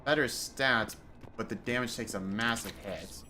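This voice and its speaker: Low-voiced man streaming a game. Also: moderate pace, pushed and bright. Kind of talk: casual playthrough commentary. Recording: clear game noise in background. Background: video game sound.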